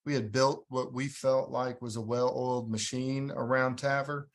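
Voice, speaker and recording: A man's voice: mid-range voice, flat delivery, unhurried. A man guest in a podcast interview, speaking conversationally and often repeating words as he thinks. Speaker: guest, hospital program leader.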